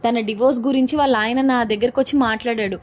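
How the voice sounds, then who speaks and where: A woman's voice: fairly high pitch, steady tone, fast talker, natural voice. A woman voicing a middle-aged police constable, firm and exasperated.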